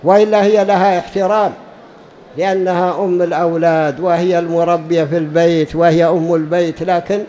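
A man's voice: a little high, level tone, fairly quick, warm tone, poor audio. A man preaching a religious lesson to a gathering, emphatic and repeating key phrases for stress. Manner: drawls words out when demonstrating pronunciation.

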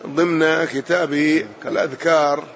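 A man teaching a religious lesson, explaining texts calmly and confirming points with short acknowledgements. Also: a little high, a little slow, muffled recording, slight background noise. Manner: calm explanatory glosses, affirming with short acknowledgements.

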